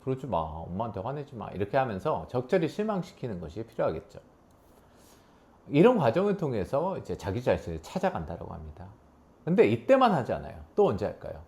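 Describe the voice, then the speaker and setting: A man giving a spoken talk as a coach, animated, acting out the voices he quotes with big swings in pitch. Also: fairly quick. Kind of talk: spoken lecture to an audience.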